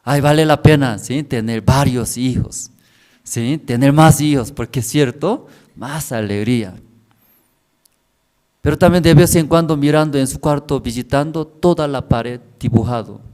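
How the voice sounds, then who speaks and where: A middle-aged Korean pastor preaches in broken, Korean-accented Spanish, with a medium-pitched, slightly slow voice. He tells family stories, checks in with listeners, and swings between soft and loud.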